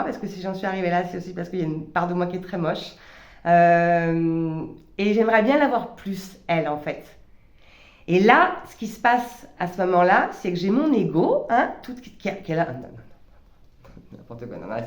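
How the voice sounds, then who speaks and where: A woman talking reflectively in a personal vlog, hesitant, with many stammered restarts. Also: medium pitch. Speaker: vlogger. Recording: roomy echo.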